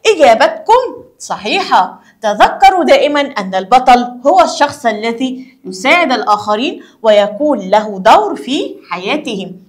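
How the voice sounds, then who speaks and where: A woman voicing a kind male Arabic teacher who praises his pupils in formal, measured speech. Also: on the high side, very animated. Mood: approving.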